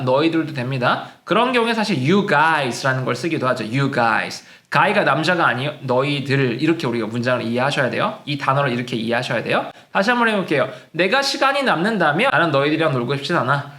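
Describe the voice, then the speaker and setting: A man teaching an English lesson, patiently explaining and slowing right down to say each example sentence. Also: a little high, sing-song, bright, forceful tone, roomy sound. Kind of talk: classroom-style lesson.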